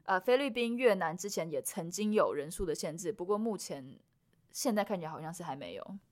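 Woman, immigration consultant, rapid explanatory delivery, slightly low voice, dry close sound. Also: animated, no room sound. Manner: mixes English terms into Mandarin. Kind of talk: expert interview answers.

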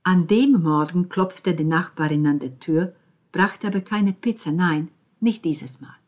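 Woman audiobook narrator, low-pitched, husky, measured and hushed. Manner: calm and measured, dropping to near whispers.

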